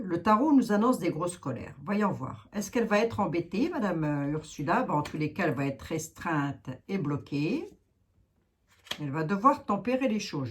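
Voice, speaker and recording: A woman giving a casual tarot reading to her viewers, thinking aloud with many fillers and asides. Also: lowish voice. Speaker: tarot reader.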